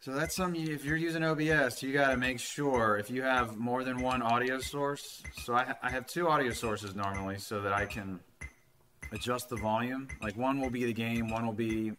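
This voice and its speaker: This casual gameplay commentary comes from a retro gaming host in his thirties, talking through a handheld game at home on a desk mic, rambling and occasionally swearing. His mid-range voice stays steady at a moderate pace, fairly bright, over slight background noise.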